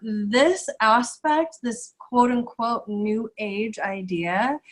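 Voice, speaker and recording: A woman's voice: a little high, very slow, a bit bright, rough recording. A woman hosting a casual interview over a video call, asking questions and encouraging her guest with short affirmations. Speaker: interview host.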